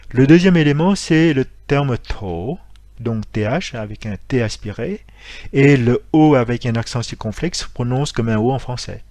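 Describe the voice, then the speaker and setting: A man teaching a lesson, explaining with frequent pauses and self-corrections. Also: medium pitch, a little mellow, no room sound. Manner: hesitant, many fillers and self-corrections; explanatory, spells out letters and sounds. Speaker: martial arts instructor.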